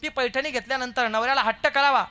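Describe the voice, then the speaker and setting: A man's voice: very high voice, steady tone, fast, sharp tone, smooth. A man preaching a devotional kirtan sermon at a live gathering, telling the story and quizzing the audience playfully.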